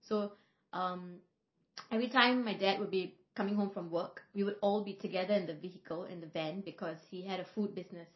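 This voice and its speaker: A woman who is a singer and vocal coach, from Singapore, telling stories in a relaxed podcast chat with frequent fillers. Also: mid-range voice, a little fast. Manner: reflective, storytelling, frequent fillers. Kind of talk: casual podcast conversation. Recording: roomy, slightly dull podcast audio.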